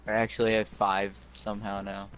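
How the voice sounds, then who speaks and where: A man talking in a laid-back, halting way while playing a game with a friend. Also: fairly low pitch, monotone, fairly bright tone, slight background noise. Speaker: gamer. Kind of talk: casual gameplay chat.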